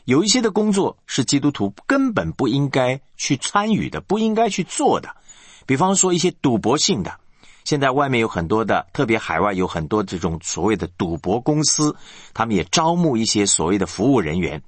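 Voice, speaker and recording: A man's voice: medium pitch, sing-song, brisk, slightly rough, no echo. A male pastor preaching a sermon, asking the congregation rhetorical questions.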